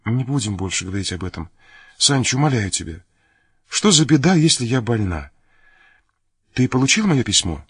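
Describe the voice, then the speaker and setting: A man reading the part of a gravely ill young noblewoman who speaks in a soft, pleading, tearful way. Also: medium pitch, big pitch swings, normal speed, pauses often, no room sound, clean studio sound, heavily acted.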